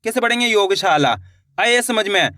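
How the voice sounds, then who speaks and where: A man teaching reading online, sounding out each syllable slowly and encouraging viewers to keep trying. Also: high-pitched, expressive, pushed and bright, no room sound, clean studio sound. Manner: spells words syllable by syllable, slow and drawn out; encouraging, addresses viewers as friends.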